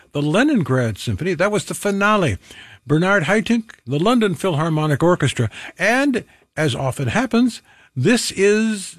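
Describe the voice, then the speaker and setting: A man presenting classical music on the radio in an easy, chatty way, dropping wry little remarks as he goes. His voice sits a bit high for a man and moves animatedly. The studio sound is dry and close. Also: no echo. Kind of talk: casual on-air presentation. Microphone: studio microphone.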